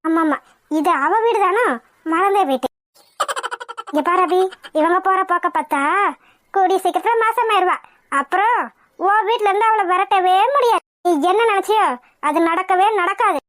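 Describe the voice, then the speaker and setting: A woman's voice: very high voice, normal speed, pauses often, a bit bright. A woman voicing a meddlesome, needling woman friend who stirs up trouble in a cartoon. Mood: goading. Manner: needling, goading. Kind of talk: cartoon voice acting.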